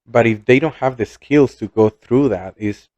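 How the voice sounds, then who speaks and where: A man's voice: mid-range voice, normal speed, darkish tone, no room sound, muffled recording. A man, co-hosting a casual chat, reflective and hesitant, often repeating words. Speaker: podcast co-host.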